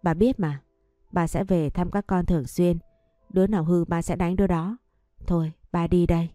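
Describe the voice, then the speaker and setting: A regretful young husband and father, put on by a woman storyteller, speaking in a low, mellow tone. His instructions come out gentle and pleading, and the sound is dry and close, with faint music underneath. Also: fairly even intonation, normal speed, no room sound, lightly acted. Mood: tearful.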